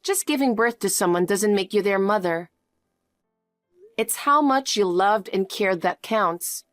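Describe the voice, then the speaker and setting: A young woman voicing a cold, firm daughter who speaks in a flat, curt way. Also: mid-range voice, a little slow, no echo, soft background music, lightly acted. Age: young adult. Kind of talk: animated story voice.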